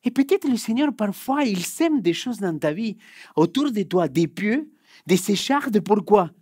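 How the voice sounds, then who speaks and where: A young man with a Spanish accent, Spanish being his first language, preaching a sermon and telling a personal story, swinging from loud urgent bursts to hushed, quiet passages. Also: high-pitched, very animated, a little slow, breathy edge, no room sound, clean studio sound. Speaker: pastor. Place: church hall.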